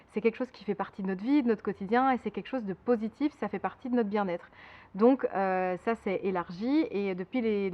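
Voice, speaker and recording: A Belgian woman in her twenties, who directs a sexual health association, answers interview questions with lots of fillers and restarts. Her voice is mid-range and the recording sounds muffled.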